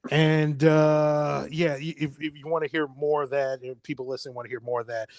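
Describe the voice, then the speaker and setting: A man's voice: fairly high pitch, level tone, brisk, a little mellow, no room sound. A man, hosting a casual podcast chat, rambling, laughing often and swearing freely. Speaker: podcast host.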